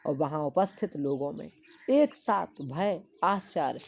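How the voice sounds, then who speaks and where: A woman teaching a Hindi poem to students, reciting verse lines slowly and then explaining what each word means. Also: deep voice, expressive, gravelly, darkish tone, husky.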